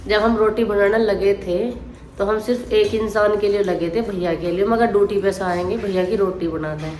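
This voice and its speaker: A woman's voice: mid-range voice, fairly even intonation, normal speed, noisy background. A woman chatting casually to her vlog audience, sounding worn out and plain-spoken. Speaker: vlogger.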